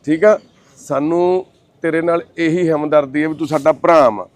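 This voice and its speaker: A man with a somewhat high voice talks in a reassuring, caring way, calling people son and sister. He moves between consoling a family and appealing to an audience watching the video. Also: steady tone, dry recording. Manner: warm, reassuring, calls others son and sister; recites prayer in a slow chanting voice. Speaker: social worker hosting the channel. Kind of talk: comforting talk and appeal to viewers.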